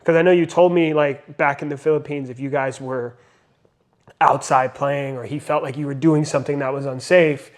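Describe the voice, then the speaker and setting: A man's voice: mid-range voice, steady tone, normal speed. A young man and father talking earnestly in a casual podcast conversation, reflecting and using many fillers. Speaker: podcast co-host.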